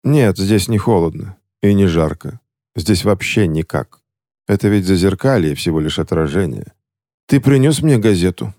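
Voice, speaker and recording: Man reading a hoarse, worn-out captive, low and dark, wry, storybook audiobook. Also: lively intonation, normal speed, dry recording, studio quality. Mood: weary. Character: hoarse weary imprisoned man behind a mirror. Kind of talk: audiobook character voice.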